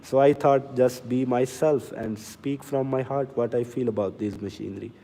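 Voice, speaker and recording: A man hosting a livestream to sell farm machinery, talking slowly and earnestly and answering viewer comments. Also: medium pitch, fairly even intonation, mellow, in a large hall. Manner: deliberately slow, earnest, reads out comments. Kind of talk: casual livestream talk to viewers. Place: inside a factory or showroom.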